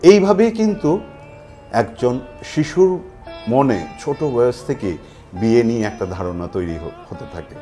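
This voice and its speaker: A man hosting a lucky draw event, presenting in a semi-scripted way with halting, deliberate phrasing and frequent pauses. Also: lowish voice, expressive, warm tone. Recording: music playing behind the voice. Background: music.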